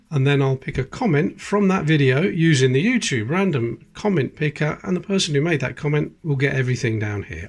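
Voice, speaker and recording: This British man, whose voice sits on the high side, hosts a coin collecting channel. Seated indoors at a table, he chats and reads out dates while sorting coins, filmed by a close camera that shows only his hands.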